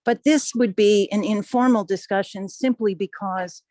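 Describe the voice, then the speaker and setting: A woman judge in a meeting, talking over a phone line in a measured, polite, explanatory way. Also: medium pitch, a little mellow, no room sound. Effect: heard over a phone line. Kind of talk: meeting discussion.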